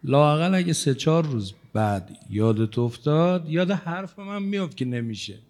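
A male cleric giving a religious sermon in a conversational, teasing manner, his loudness rising and falling as he speaks. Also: a little high, expressive. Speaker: cleric preacher.

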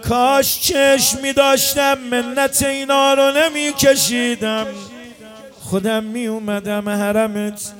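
A woman's voice: a little high, fairly even intonation, faint music behind, close to an everyday voice. A man voicing a little blind girl who pleads tearfully with her father. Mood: pleading.

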